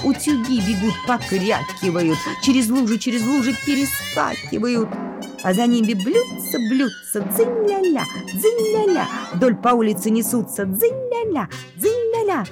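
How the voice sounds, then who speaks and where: A woman narrates a children's poem with a bouncing, sing-song rhythm. Her voice sits high and swoops widely. Clear music plays underneath the reading. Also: big pitch swings, normal speed. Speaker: storyteller.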